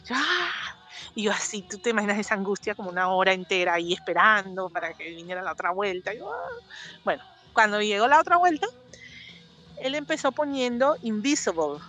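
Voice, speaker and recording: A woman's voice: mid-range voice, fast. A woman from Panama with a Panamanian Spanish accent, a podcast guest telling stories in casual chat and acting out voices. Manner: animated, acts out voices in her stories.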